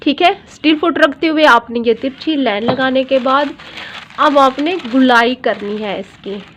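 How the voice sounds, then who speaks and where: A woman's voice: high-pitched, a little slow, fairly bright tone, slight background noise. A woman dress designer giving a patient step-by-step sewing tutorial, repeating each measurement and often checking in with her viewers. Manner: often checks in with "theek hai". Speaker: dress designer teaching pattern drafting.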